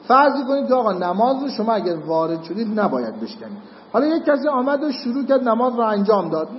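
With a high-pitched voice, a man teaches jurisprudence in a seminary, breaking down Islamic law step by step and regularly checking understanding with "got it?". The lecture is captured in muffled lo-fi sound with hall echo and slight background noise.

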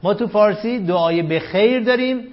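A man teaching a grammar class. He reads quoted lines slowly and loudly, questions the students and calls them "sir" and "dear". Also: high-pitched, highs cut off. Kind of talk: classroom lesson, reading a text aloud and explaining it.

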